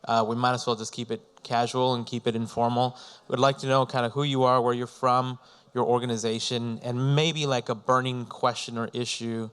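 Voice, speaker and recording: A man hosting a panel in a loose, joking way, keeping things informal. His voice sits at an ordinary middle pitch and sounds clear and smooth. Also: level tone, normal speed, fairly bright tone. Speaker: panel co-moderator. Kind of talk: casual conference moderating.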